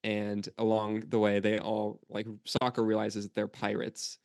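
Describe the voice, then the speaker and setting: A man's voice: lowish voice, monotone, a little slow, creaky, a little mellow, no room sound, studio quality. A man co-hosting a podcast, chatting casually and laughing often as he recaps a cartoon episode with plenty of fillers. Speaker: podcast co-host.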